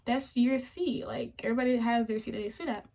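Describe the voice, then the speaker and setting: A woman's voice: a little high, brisk, a little mellow. A young woman vlogger telling a story in a casual, chatty and indignant way, with lots of "like". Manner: chatty and indignant, heavy use of "like".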